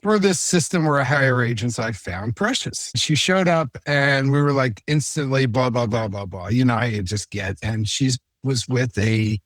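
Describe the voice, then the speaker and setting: A man's voice: mid-range voice, normal speed, few pauses, fairly bright tone, no echo. A man hosting a real estate show, chatting casually in a rambling, joking way with many asides. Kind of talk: casual on-camera chat.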